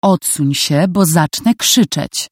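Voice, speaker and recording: The audiobook reader voicing a young woman who speaks in a flat, icy way. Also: medium pitch, normal speed, dry recording, studio quality, close to an everyday voice. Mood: cold. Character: young woman, cold and guarded.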